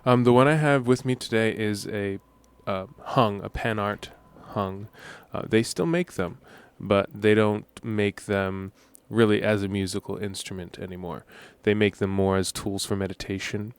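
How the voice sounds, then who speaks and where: A young man guesting in a radio studio interview, explaining at length in a relaxed way with many ums. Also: lowish voice, normal speed, hardly any pauses, clean tone. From United States. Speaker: musician guest.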